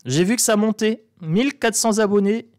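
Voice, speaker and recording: A man's voice: sits high, normal speed, a little mellow. A man with a northern French accent doing a casual, irreverent tarot reading to camera and mocking as he talks. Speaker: tarot card reader.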